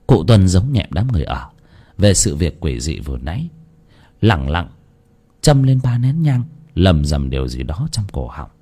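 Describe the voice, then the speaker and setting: A man's voice: low-pitched, sing-song, moderate pace, dark tone, breathy edge. Man telling a dramatic ghost story. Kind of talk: horror story narration.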